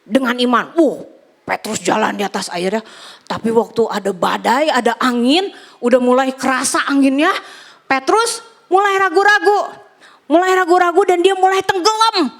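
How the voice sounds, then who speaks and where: A young woman giving a lively children's Bible lesson, acting out little prayers and story lines for the kids. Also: high voice, moderate pace. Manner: animated, acts out prayers and story voices for kids. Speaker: Sunday school teacher.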